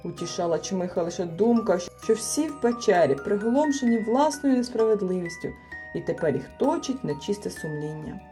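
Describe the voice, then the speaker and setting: Woman reading kids' fairy tale, lively up-and-down voice. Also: medium pitch, a little fast, faint music behind. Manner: expressive, animated reading. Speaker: audiobook narrator. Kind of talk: storybook narration.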